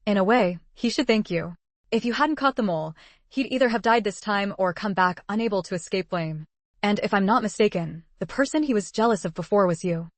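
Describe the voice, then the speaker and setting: A sharp-tongued young woman with a wry, teasing way of talking, read by a woman in an audiobook. Her voice is mid-pitched and sounds close and dry. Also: no room sound, natural voice.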